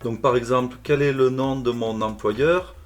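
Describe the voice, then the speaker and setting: Male teacher voice, calm step-by-step tutorial narration over soft background music. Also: mid-range voice, normal speed. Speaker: language teacher.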